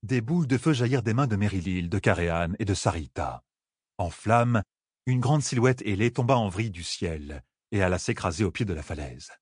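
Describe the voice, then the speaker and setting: A man reading a fantasy audiobook in a lively, expressive narration style. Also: lowish voice, normal speed, slightly rough, dry recording, studio quality.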